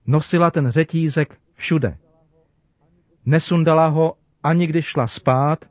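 A man preaching to children, telling a story in a gentle, measured way. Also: a little high, no echo.

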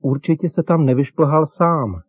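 Man doing an eager, excited little boy. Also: fairly high pitch, slightly rough, dry recording, voice pushed up. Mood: curious. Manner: eager, exclaiming. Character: excited little boy, insistent younger brother. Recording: dull lo-fi dry recording.

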